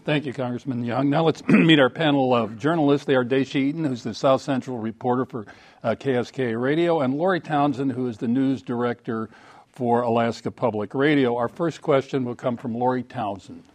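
A man's voice: medium pitch, brisk, darkish tone. Man, formal broadcast host, debate moderator, middle-range voice.

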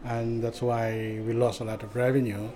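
Male community official interviewed, medium pitch, little inflection, halting phrasing with repeats. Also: flat delivery, mellow, a little hiss or hum. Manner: halting, repeats words while searching for phrasing. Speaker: community organization vice president. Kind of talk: informal interview answers.

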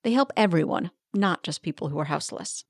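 Gravelly-voiced woman radio reporter. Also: on the low side, animated, a little fast, no room sound, studio quality. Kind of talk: scripted radio narration.

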